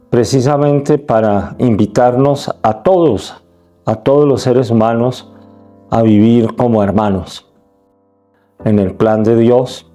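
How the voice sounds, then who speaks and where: A man giving a measured, reflective catechesis talk, phrase by phrase with pauses. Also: fairly low pitch, warm tone. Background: faint guitar music.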